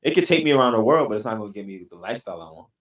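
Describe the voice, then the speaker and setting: A man's voice: on the low side, sing-song, very fast, a bit bright. A young man, chatting as a rapper guest in a laid-back way, often repeating himself. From New York City. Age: young adult. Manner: laid-back, repeats "you know what I'm saying". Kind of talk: casual interview chat.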